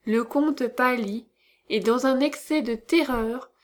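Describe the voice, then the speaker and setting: A woman narrates a classic novel in a measured, dramatic reading. Her voice sits a little high and she takes her time over each phrase.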